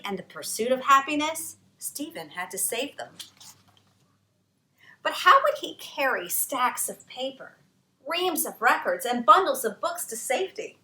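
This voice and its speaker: With a bright, slightly high voice, a woman performs a read-aloud of her own children's history story. She leans on lively emphasis and dramatic pauses, and the space around her is echoey.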